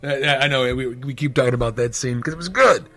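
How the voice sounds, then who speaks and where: A man's voice: mid-range voice, fast. A man co-hosting a live radio talk show, chatting casually and animatedly about a film, swearing freely. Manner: animated, swears, does funny voices. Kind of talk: casual chat.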